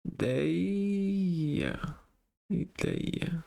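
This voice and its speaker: A man working through exam exercises aloud, slowly reading out words one by one and thinking aloud. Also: high-pitched, vocal fry, dark tone. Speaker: exam tutor.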